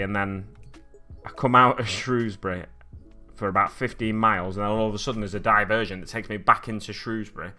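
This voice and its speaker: A man hosts a livestream while painting miniatures at his home hobby desk, a glass cabinet at his back, rambling through stories and talking with viewers. His slightly scratchy voice is fairly low-pitched with a sharp tone.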